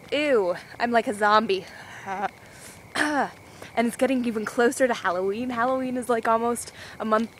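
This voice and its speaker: A woman's voice: medium pitch, a little hiss or hum, rough recording. A young woman walking outdoors with a handheld camera, vlogging in a rambling, scatterbrained, giggly way. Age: young adult. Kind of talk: rambling casual vlog.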